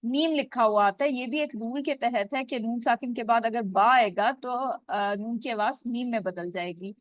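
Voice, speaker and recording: A woman's voice: fairly high pitch, dry recording. A woman teaching Quran recitation rules in an online lesson, explaining step by step. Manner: drawn-out recitation of Arabic words. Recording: dull dry lo-fi recording.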